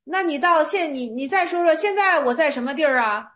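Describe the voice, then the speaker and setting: Woman voicing an old male master monk, probing, scolding, high-pitched. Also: animated, brisk, a bit bright. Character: old male national teacher monk, stern and testing.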